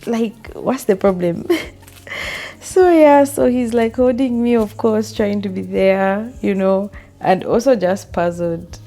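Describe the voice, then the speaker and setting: Slow-talking mellow woman vlogger. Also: mid-range voice, soft background music. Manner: chatty, laughs often, lots of "like". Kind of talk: casual storytelling while styling hair.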